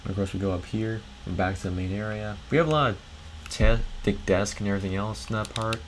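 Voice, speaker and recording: Low-voiced man with a worn voice. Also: flat delivery, fast talker, slight background noise, low-quality recording. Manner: rambling, hesitant, many fillers. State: voice worn and strained. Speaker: gaming channel host. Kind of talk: casual Minecraft build tour commentary.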